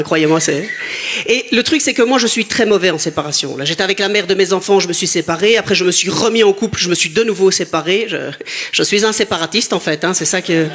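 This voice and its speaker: High-voiced man doing stand-up from Brussels. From Brussels, Belgium. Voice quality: high, soft voice that wavers. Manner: joking banter with the audience, self-mocking. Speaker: stand-up comedian. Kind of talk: stand-up comedy set. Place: theater stage before a live audience. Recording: live stage recording with loud crowd. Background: loud audience laughter and cheering.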